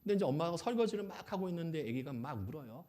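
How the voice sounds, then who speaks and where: A man preaching as a pastor, animated, asking the audience questions and acting out little scenes. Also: fairly high pitch, very fast. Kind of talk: lively sermon.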